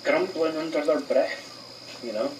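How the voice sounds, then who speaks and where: Slow, halting man far from the mic. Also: fairly high pitch. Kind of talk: video clip being responded to. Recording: distant mic with faint hiss, replayed clip.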